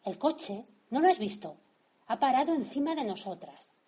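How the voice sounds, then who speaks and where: Husky, breathless young mother, read by a woman, affectionate and easily flustered. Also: high voice, sing-song, normal speed, warm tone, pitched above the performer's own voice, full character voice. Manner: breathless, exclaiming.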